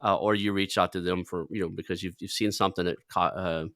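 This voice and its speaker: A man hosting a podcast, chatting casually and asking open questions in a relaxed, agreeable way. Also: low-pitched, quick pace, no room sound, clean studio sound. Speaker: podcast host. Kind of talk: casual interview chat.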